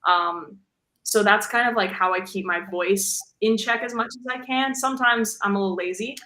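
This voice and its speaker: A young woman guest singer, speaking at a moderate pace, chats casually during an interview about singing. Her voice is deep for a woman while still bright and clear, and she rambles slightly, fills gaps with "like" and "um," and laughs readily. The surrounding room sounds echoey.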